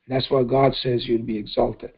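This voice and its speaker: A man's voice: mid-range voice, level tone, moderate pace, slightly rough, dull audio. A man leading a scripture study, explaining verses in a conversational way and often checking in with "okay?". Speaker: Quran study teacher.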